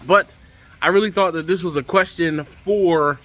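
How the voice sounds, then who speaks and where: A man hosting a casual vlog to camera, speaking outdoors over the rushing water of a waterfall by a pool. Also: high-pitched, fairly bright tone. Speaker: vlog host.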